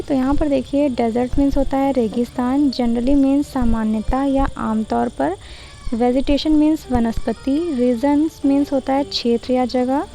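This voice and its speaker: A woman tutor explaining a lesson plan step by step, mixing Hindi and English and reading English lines slowly. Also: high voice, mellow, poor audio. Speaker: teacher-training tutor. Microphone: voice-over for screen slides.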